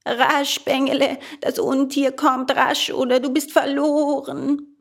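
A woman's voice: high voice, little pitch movement, takes it slowly, vocal fry, pitched above the performer's own voice, heavily acted. A woman voicing an urgent, bleating female goat calling out.

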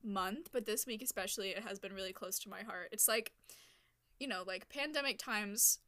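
A woman co-hosting a casual podcast, rambling in a friendly way with lots of fillers. Her voice is bright and crisp. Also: mid-range voice, normal speed. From New England. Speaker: podcast co-host. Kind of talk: casual chat.

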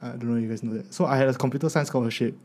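A man's voice: medium pitch, racing, a little mellow. A man in his twenties with a Singaporean accent, giving casual advice in colloquial Singlish sprinkled with particles like lah and meh. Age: 20s. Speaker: podcast speaker, university student.

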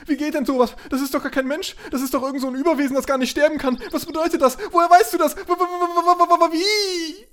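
A man voicing a fussy, easily rattled male professor whose voice climbs high when he gets worked up. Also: steady tone, racing, few pauses, fairly bright tone. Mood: distraught.

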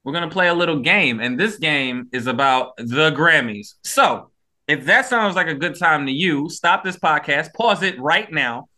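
A man co-hosting a casual podcast, laid-back and rambling, swearing casually and a bit high. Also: animated, normal speed, pushed and bright. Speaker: podcast co-host.

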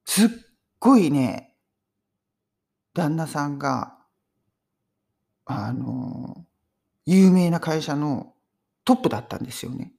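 A Japanese woman teaching English phrases in a chatty, animated way, mixing in personal stories. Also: low voice, slow pace, vocal fry, long pauses, breathy edge. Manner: chatty, animated storytelling with laughs. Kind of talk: casual English lesson.

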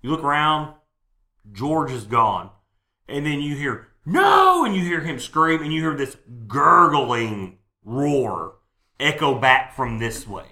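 Male GM, bright-toned, steady scene-setting narration. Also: mid-range voice, slow pace, echoey room. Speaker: game master. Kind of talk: narrating a tabletop horror game.

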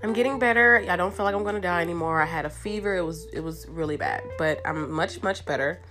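Lady w a stuffy nose, congested n nasal, kinda low voice, chatty girl talk host, guitar music behind her. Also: quick pace. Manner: animated, informal girlfriend talk with emphatic repetition. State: congested with a cold, stuffy pinched-nose sound. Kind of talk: casual chatty monologue to listeners.

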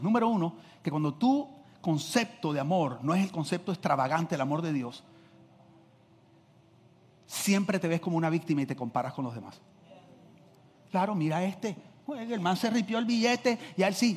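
A middle-aged man, preaching a sermon as a pastor, swinging from loud shouts to quiet asides. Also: on the high side, husky. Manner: energetic, swings from shouting to quiet, acts out quotes. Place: church hall. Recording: long reverb of a large hall.

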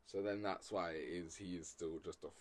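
A man's voice: deep voice, fairly even intonation, fairly quick. A young man with a London roadman accent, chatting in a slangy, emphatic way and repeating himself in a casual group discussion.

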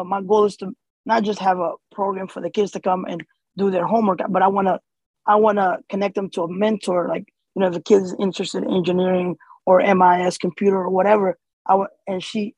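A man's voice: high-pitched, little pitch movement, quick pace, a little mellow, no room sound, rough recording. A man born in Somalia and raised in the US, speaking as an interview guest in a casual, hesitant way with many fillers and restarts. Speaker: interview guest, community organizer.

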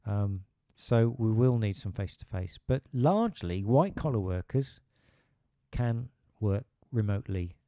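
A man's voice: fairly low pitch, lively intonation, unhurried, mellow, no echo, studio quality. A middle-aged British man talking in a casual podcast conversation, hesitant with many restarts and fillers. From Britain.

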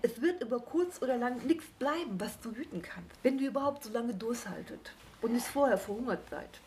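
A woman's voice: fairly high pitch, expressive, a little fast, darkish tone, voice pushed up, natural voice. A pushy little hedgehog lisps his way through nagging and blunt advice, as a woman puts him on. He is a cheeky storybook critter who never lets up. A faint hiss runs behind the reading. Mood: lecturing. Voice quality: lisping.

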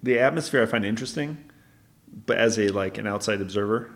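Young man, co-host, gravelly voice, rambling and hesitant. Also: fairly low pitch, a little fast. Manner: rambling, hesitant, many restarts. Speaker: podcast co-host. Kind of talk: casual chat.

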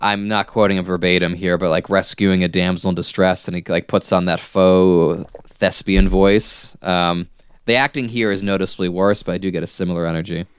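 A man's voice: sits low, fairly even intonation, normal speed, clear, resonant tone, no echo, studio quality. A man co-hosting a podcast, giving thoughtful commentary in casual, analytical conversation. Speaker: podcast host discussing an animated series.

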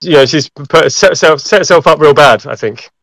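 A man's voice: on the high side, brisk, fairly bright tone, dry recording. A man from Southend with an Essex accent, chatting casually as an interview guest in a jokey, cheeky, slangy way. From Southend-on-Sea, Essex, England. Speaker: interview guest, event compère. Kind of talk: casual banter.

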